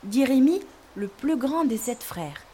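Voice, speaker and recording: A woman narrating a children's story in a clear, expressive storytelling manner for learners. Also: sits high, measured pace, very noisy.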